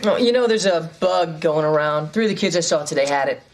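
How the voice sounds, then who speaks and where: A man's voice: on the high side, a little fast, noisy background, lightly acted. An actor playing a friendly, easygoing young doctor in his twenties or thirties. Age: young adult. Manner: easygoing, chatty. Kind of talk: sitcom acting.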